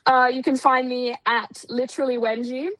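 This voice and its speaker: Relaxed woman podcast guest, dry sound. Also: high-pitched, moderate pace, no echo, low-quality recording. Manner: relaxed, hesitant, many ums and uhs. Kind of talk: casual podcast chat.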